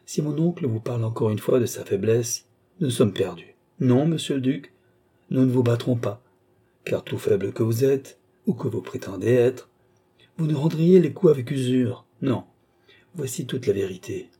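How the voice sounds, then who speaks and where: A cautious young noble who warns the company in earnest tones, as a male reader plays him. His voice is mellow and husky, slightly raised. He sounds measured and careful. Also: medium pitch, expressive. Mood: warning. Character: scheming duke, nephew, cautious courtier. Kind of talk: audiobook character voice.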